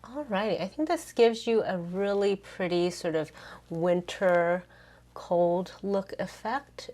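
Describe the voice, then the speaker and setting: A woman's voice: lowish voice, a little mellow. A woman giving casual makeup try-on commentary to viewers in a chirpy, upbeat beauty vlogger manner.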